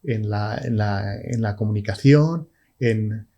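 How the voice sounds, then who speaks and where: A middle-aged man, a podcast guest speaking slowly and haltingly with many restarts. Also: on the low side, vocal fry, dark tone. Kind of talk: casual conversation.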